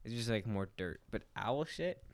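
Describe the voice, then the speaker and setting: A man's voice: fairly low pitch, animated, moderate pace, gravelly, no room sound. A young man in casual chat, rambling through stories with lots of swearing and laughter. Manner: rambling, profane, laughs while telling stories. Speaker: podcast co-host.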